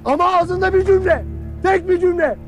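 A man's voice: very high-pitched, a little fast, dull audio, soft background music. An actor playing a harsh army commander who barks questions at his soldiers with bitter sarcasm. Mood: grim bitter. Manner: barking, interrogating, bitterly sarcastic. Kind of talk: film drama acting.

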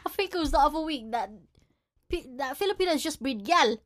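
A woman's voice: sits high, animated, fairly quick. A young woman with a London accent, chatting casually as a podcast co-host in slangy urban roadman talk. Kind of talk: casual chat.

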